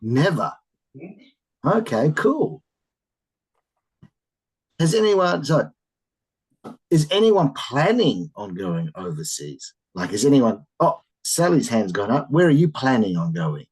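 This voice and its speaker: A teacher leads a children's class over a video call. The voice is slightly husky and full of wide pitch swings. It gives big, exclaimed reactions to every answer. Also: takes it slowly, pauses often, poor audio. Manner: animated, encouraging, exclaiming with surprise. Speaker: English teacher.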